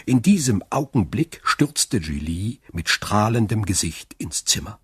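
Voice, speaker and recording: A man narrating a classic novel in a measured, storytelling way on a close microphone. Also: lowish voice, sing-song, slightly rough, no echo. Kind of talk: scripted audiobook narration.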